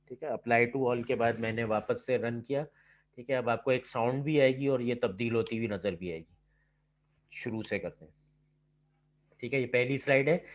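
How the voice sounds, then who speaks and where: Lecturer on a muffled online class. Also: male voice, mid-range voice. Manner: explains step by step, says "ठीक है" constantly. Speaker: lab instructor. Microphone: computer mic on a video call. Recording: slightly dull online class audio.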